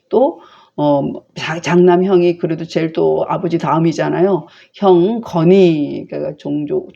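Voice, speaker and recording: Woman, lower voice, classical text lecture, slow chatty explanations, dull lo-fi recording. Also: creaky, warm tone, slightly rough.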